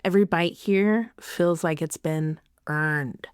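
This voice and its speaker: A podcast host delivers a slow, unhurried scripted monologue in a smooth, lowish voice. She giggles and pokes fun at herself, laughing at her slip-ups and apologizing for them, and she isn't originally from the city where she now lives. The recording is close and dry, with no echo.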